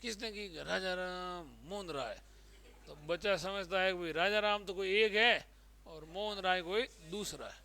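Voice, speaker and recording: A man's voice: high-pitched, unhurried, pushed and bright. A man with a Rajasthani Hindi accent teaching a Hindi exam-prep class, drilling words by repeating them and quizzing his students.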